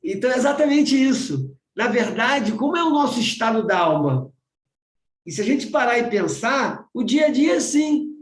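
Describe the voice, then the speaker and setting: Over a video call, a Brazilian man with a fairly high voice and a Brazilian Portuguese accent leads a spiritual study group. He speaks at a normal speed, very animated and loosely conversational, repeating phrases and asking "né?" over and over. The audio sounds roomy with noticeable echo.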